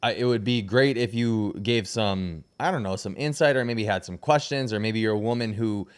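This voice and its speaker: A man's voice: on the low side, moderate pace, smooth. A young man hosting a casual livestream, laid-back and slangy, often trailing off mid-sentence. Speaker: livestream host.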